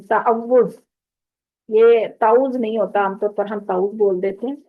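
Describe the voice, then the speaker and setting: A woman's voice: fairly high pitch, steady tone. Earnest woman teacher on a tinny line. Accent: Pakistani Urdu. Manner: earnest, patient, corrects errors by contrasting sounds. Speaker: Quran recitation teacher. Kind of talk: spoken lesson with recited examples. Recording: tinny phone-like audio.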